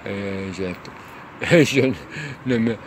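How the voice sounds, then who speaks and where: A man musing aloud in a rambling monologue, hesitant and full of pauses and fillers, outdoors near a tunnel. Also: on the low side. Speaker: lecturer. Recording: loud traffic noise behind.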